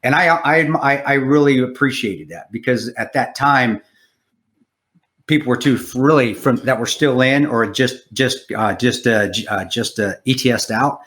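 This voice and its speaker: A man's voice: medium pitch, moderate pace, a bit bright. Profane, rambling man hosting a podcast. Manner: profane, rambling storytelling with many restarts. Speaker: podcast host. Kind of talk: casual interview conversation.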